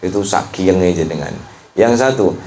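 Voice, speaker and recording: A man with a Central Javanese accent giving a casual sermon at a home study gathering. He jokes with the audience and chants Arabic prayers slowly. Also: low-pitched, expressive, warm tone. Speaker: ustadz teaching a weekly religious study.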